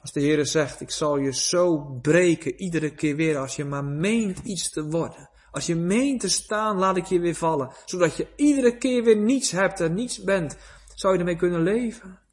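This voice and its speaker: A man preaching a sermon, moving from quiet, hushed passages to rising, pleading cries. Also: high-pitched, normal speed.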